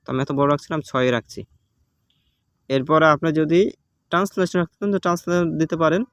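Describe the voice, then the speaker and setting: A man's voice: on the high side, fairly even intonation, brisk, fairly bright tone. A man with a Bangladeshi Bengali accent giving a casual step-by-step app tutorial, patient and repetitive, with many fillers. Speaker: tutorial host. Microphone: phone recording.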